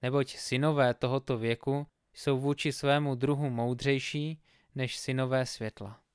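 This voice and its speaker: Smooth-voiced man reading scripture. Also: medium pitch, steady tone, dry recording, studio quality. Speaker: Bible reader.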